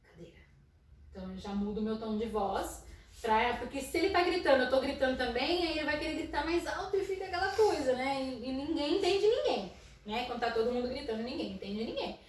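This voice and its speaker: A Brazilian woman, a psychologist, talking casually about school inclusion in her naturally loud voice. She tells stories and keeps tagging her sentences with "né?". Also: high-pitched, lively intonation, fairly quick. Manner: storytelling with frequent "né?" tags and soft laughs. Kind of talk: casual educational talk. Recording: echoey room, mic at a distance.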